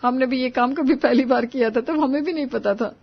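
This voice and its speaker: A woman voicing a kind, motherly neighbor in a cartoon story, gentle and reassuring. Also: high-pitched, fairly quick, creaky, lo-fi sound. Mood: kindly. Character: kindly middle-aged female neighbor, motherly.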